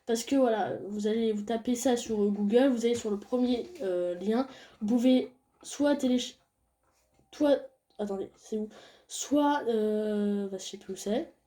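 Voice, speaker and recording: A young woman reading a visual novel aloud and chatting casually about the game as she plays. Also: a little slow. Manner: reads game dialogue in a soft low voice, chats loudly and excitedly between scenes. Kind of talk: casual let's-play commentary.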